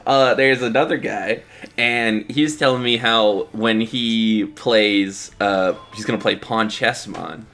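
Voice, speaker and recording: A man's voice: fairly low pitch, steady tone, slow, a bit bright. A man co-hosting a let's play, chatting casually, laughing a lot and swearing easily. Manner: laid-back, giggly, swears casually. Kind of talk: casual gaming chat.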